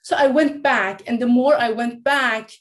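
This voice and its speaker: As a guest, a woman in her late thirties talks through her personal story, repeatedly restarting and filling pauses. Originally from Iran and working as a life coach, she speaks at a measured pace in a voice on the high side.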